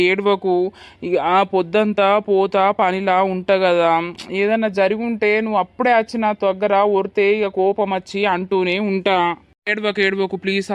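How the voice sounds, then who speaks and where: Picture a hot-tempered young village husband in a cartoon, voiced by a man. He talks bluntly. The voice comes across smooth and clear, recorded very dry. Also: high voice, dry recording, lo-fi sound, lightly acted. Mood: pleading. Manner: blunt, scolding then pleading. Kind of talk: cartoon voice acting.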